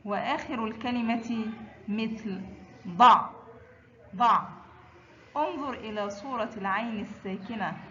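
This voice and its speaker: A woman teaches pronunciation at a very slow, deliberate pace. She says each sound and word twice with careful stress. The recording is a little dull, with a faint hiss behind her. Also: a little high, bright, forceful tone. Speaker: Arabic teacher. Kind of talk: slow, drilled pronunciation lesson.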